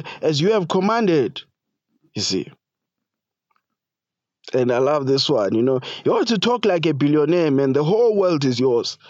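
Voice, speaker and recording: Pastor, man, fairly high voice, loose filler-heavy preaching, dry and muffled recording. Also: darkish tone, dry recording. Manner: halting, many fillers like "you know" and "you see"; casual preaching with slang. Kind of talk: sermon.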